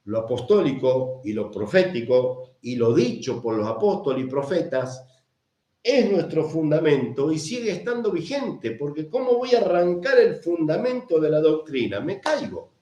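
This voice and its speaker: A man's voice: a little high, very animated, moderate pace, mellow. A man preaching a sermon, emphatic, repeating phrases and answering his own questions. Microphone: camera mic. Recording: echoey room.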